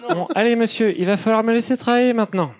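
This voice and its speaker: A man's voice: sits high, fast, voice pushed up, close to an everyday voice. A man voicing a fussy, impatient unicorn hotline operator in a comedy sketch, with a prim, exasperated phone manner.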